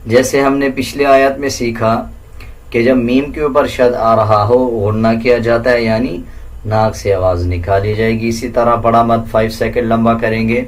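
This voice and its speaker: A man teaching tajweed, explaining the pronunciation rules in a plain, instructive way and then chanting verses slowly in a higher, melodic voice. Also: steady tone. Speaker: Quran recitation teacher.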